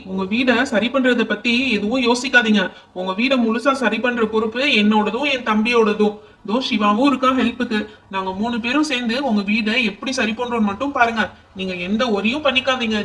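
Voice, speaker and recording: A man's voice: very high voice, steady tone, a little fast, fairly bright tone, distant mic. A man voicing helpful young boys who chat and reassure a family in a doll show. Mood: reassuring. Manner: chatty, reassuring. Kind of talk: doll pretend-play voice acting.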